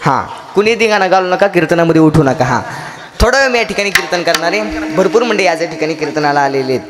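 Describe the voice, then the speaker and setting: A man preaching a devotional kirtan sermon in a festival pandal, building long rhythmic lists that rise to shouts and breaking into chatty asides to the crowd. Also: fairly high pitch, expressive, fast. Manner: chatty asides to audience and children.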